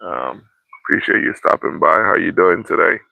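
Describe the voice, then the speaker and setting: Unhurried man with deep creaky voice, livestreaming. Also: expressive, pushed and bright, no room sound. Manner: unhurried, repeats welcomes and phrases. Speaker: livestream host. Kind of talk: casual livestream chat, greeting viewers. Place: outdoors in a yard in the morning. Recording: tinny phone-like sound.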